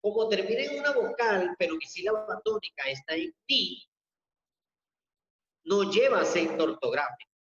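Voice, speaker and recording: Male teacher, online class, slow methodical delivery, dull boomy reverb. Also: animated, fairly bright tone. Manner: slow, methodical step-by-step explaining. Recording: echoey dull lo-fi room audio.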